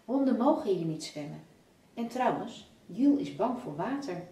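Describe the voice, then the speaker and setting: A woman's voice: on the high side, very animated, normal speed, mellow. A woman voicing an earnest, eager young girl in a read-aloud children's story, raising her voice to sound girlish. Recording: roomy, from a distance.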